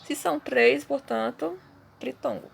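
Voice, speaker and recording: A woman's voice: sits high, measured pace, gravelly, slight background noise. A Brazilian woman teaching a Portuguese lesson, patiently explaining step by step and often checking in with her students. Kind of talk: recorded online class.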